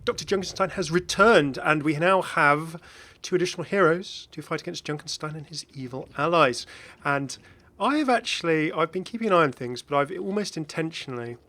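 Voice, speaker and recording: A man with a fairly bright, expressive voice on the high side talks a little fast while hosting a gaming video. His commentary is casual and chatty, drifting into hesitant asides.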